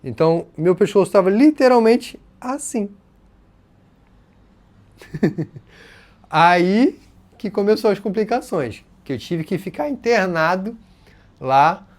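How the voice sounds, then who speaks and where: In a high voice, slowly and with frequent pauses, a carioca channel host from Rio de Janeiro, Brazil, tells his viewers a personal anecdote. He keeps it casual and animated, voicing what others said as direct quotes.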